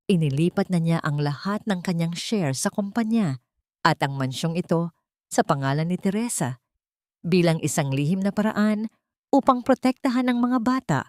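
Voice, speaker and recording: Following a written script, a woman narrates a dramatic audiobook in a low, darkish voice, her delivery solemn and deliberate. It's recorded close and dry, with almost no room sound and no echo.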